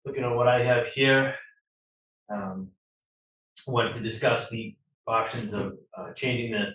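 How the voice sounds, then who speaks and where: A man's voice: on the low side, fairly bright tone. A man from the water department giving a plain-spoken, practical update at a public meeting. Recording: echoey meeting room, mic far off.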